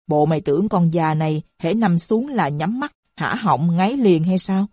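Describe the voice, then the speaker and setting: A shrill, nagging old mother scolds her household, as a woman reader voices her. Her dark, husky voice sits over a dry, close recording, and she keeps up a steady stream of complaint. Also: normal speed, dry recording. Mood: indignant.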